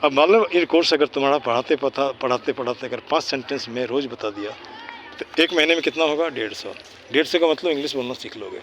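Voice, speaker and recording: A man teaching school students outdoors, lecturing and firing rhetorical questions. He slows down and speaks deliberately whenever he switches into English. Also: medium pitch, a bit bright, slight background noise. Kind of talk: informal lecture with quiz questions. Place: outdoors in a park.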